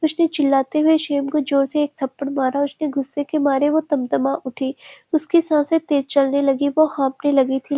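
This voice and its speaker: A woman storyteller narrating a family drama in a steady, measured read. Her voice is high and mellow, with a fairly level delivery.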